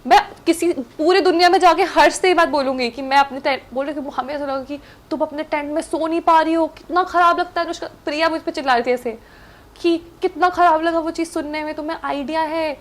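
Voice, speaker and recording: A young woman, a guest on a chat show, telling stories in a casual, animated way, mixing in English and laughing often. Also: high-pitched, a little fast.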